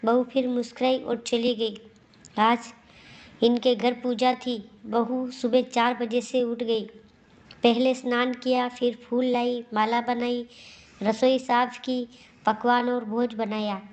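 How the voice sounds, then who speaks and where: A woman tells a family story in scripted narration. Her fairly high voice stays level and unhurried, line after line. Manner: slow, even storytelling.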